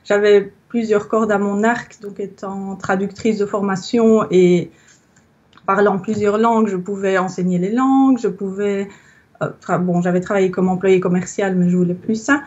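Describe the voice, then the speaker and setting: In a muffled recording, a Belgian woman in her thirties, a yoga teacher, gives a reflective testimonial interview. Her mid-range voice is a little mellow, with fairly even intonation at a moderate pace, and she searches for her words as she talks.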